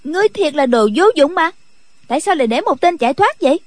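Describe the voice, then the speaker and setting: A man's voice: very high-pitched, expressive, fast talker, no echo, voice pushed up. A man voicing a mischievous young girl who teases and bosses others around in an audiobook. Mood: teasing. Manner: cheeky, giggling, bossy. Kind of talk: audiobook character voice.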